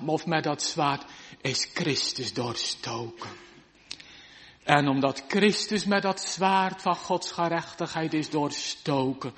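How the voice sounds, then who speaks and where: A man preaching a fervent sermon in old-fashioned biblical language to his congregation in a church. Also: fairly high pitch. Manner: slow, fervent old-style preaching with archaic scripture. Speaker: pastor. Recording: long church reverb.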